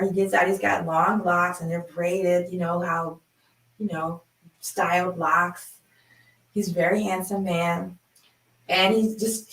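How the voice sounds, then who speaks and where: A woman in her fifties telling a personal story in a chatty, animated way, laughing along as she talks. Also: on the low side. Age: 50s. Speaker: sound healing host. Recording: roomy, from a distance.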